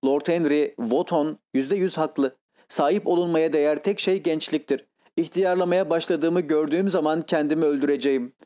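A man's voice: fairly high pitch, fairly even intonation, normal speed, mellow, close to an everyday voice. A man voicing an anguished vain youth. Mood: bitter. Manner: impassioned, pleading.

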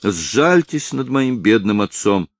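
A man's voice: lowish voice, big pitch swings, takes it slowly, no room sound, clean studio sound, exaggerated voice. A man voicing a frightened young woman who pleads for her father. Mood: pleading. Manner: pleading, anxious.

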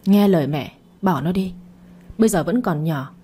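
A woman's voice: lowish voice, animated, normal speed, dark tone, husky. Woman reading as a stern worried mother. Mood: angry, scolding. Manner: questioning, scolding.

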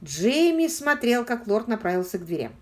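A woman's voice: fairly high pitch, very animated, moderate pace, darkish tone. Woman narrating an audiobook expressively.

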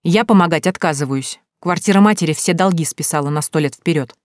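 A woman's voice: low-pitched, a little fast, no room sound, close to an everyday voice. A woman voicing a hostile, stern former-military father who speaks curtly and accusingly, in a dry audiobook recording. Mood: harsh. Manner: curt, clipped, accusing.

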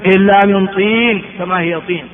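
A man's voice: high voice, steady tone, a little fast. A man from Ethiopia giving a classroom lecture on religious texts, repeating words and asking rhetorical questions of his students. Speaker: religious teacher. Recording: phone-like sound in an echoey hall.

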